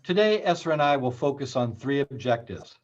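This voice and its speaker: A man, a university library dean, reading a scripted conference presentation in a measured way. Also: mid-range voice, big pitch swings. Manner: measured, read-aloud delivery. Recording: slightly muffled lo-fi recording.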